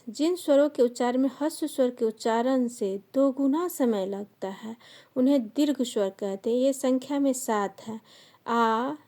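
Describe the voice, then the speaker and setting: A woman teaching a grammar lesson, slowly dictating definitions and listing sounds and example words one by one. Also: a little high, warm tone. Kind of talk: slow classroom grammar lesson.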